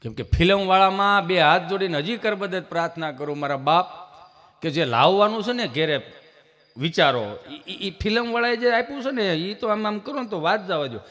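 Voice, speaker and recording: At a live program at an ashram, a stage comedian with a Kathiyawadi Gujarati accent tells folksy comic stories, voicing the dialogue himself in other characters' voices. His voice is high, expressive and a bit bright, fairly quick, and the venue is reverberant.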